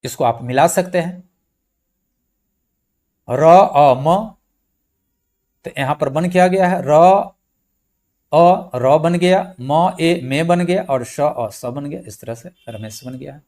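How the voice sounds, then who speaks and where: Guy teaching grammar real slow, patient, voice a bit on the high side, spells out every letter. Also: a little mellow. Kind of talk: slow blackboard-style lecture.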